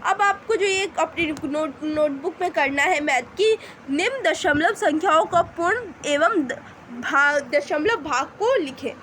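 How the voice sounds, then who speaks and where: High-voiced woman teaching a math lesson. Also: animated, a little slow, fairly bright tone, slight background noise, rough recording. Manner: repetitive, checks with "ठीक है", self-correcting. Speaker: teacher explaining a worksheet. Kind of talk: casual classroom-style lesson. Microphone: screen recorder voice-over.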